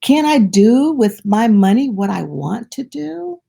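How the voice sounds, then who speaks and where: A woman voicing a calm, generous male landowner who questions and reasons patiently in a raised, measured voice. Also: a little high, vocal fry, husky, pitched above the performer's own voice, heavily acted. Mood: reasoning.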